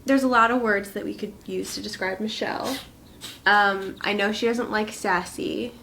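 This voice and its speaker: A woman's voice: medium pitch, fairly even intonation, normal speed, creaky, a bit bright, slight background noise, rough recording. A young woman with a mid-range voice talks about someone close to her in a casual interview. She picks her words carefully, hesitates, and often restarts a sentence.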